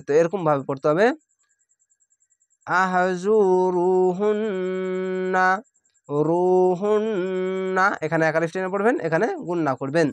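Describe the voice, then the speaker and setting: Man, recitation teacher, brisk explanations, slow drawn-out recitation, smooth voice. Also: fairly high pitch, no echo. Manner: explains rules briskly, then recites words very slowly and drawn out. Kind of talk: spelling-out Quran reading lesson.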